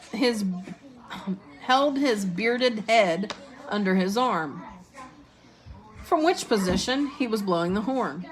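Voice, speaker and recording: A woman teacher reading a storybook chapter aloud in a steady, expressive way. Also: mid-range voice, poor audio.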